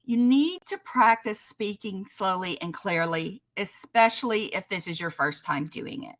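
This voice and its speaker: A woman with a Southern US accent giving a chatty, unhurried webinar presentation, with many fillers. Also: medium pitch, expressive, highs cut off. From American South. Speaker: library trainer. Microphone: computer mic at a desk.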